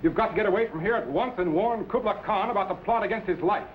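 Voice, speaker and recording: Man as high-toned, authoritative time-travelling captain. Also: lightly acted. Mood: urgent, assured. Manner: measured, authoritative, explanatory. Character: confident, knowing male time-travelling captain and mentor. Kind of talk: 1950s sci-fi serial acting. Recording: muffled, faintly noisy vintage soundtrack.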